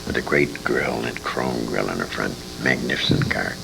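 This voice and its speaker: On a noisy amateur convention interview tape, an older former radio performer reminisces with emphatic, opinionated feeling. His voice is extremely low, creaky and bright, with a forceful tone and moderate pace.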